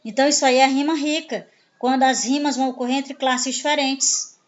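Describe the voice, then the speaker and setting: A woman with a Brazilian Portuguese accent teaches a grammar lesson in a fairly high voice. She walks through each point and answers her own questions as she goes. The recording sounds dull and lo-fi. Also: fairly even intonation, fairly quick.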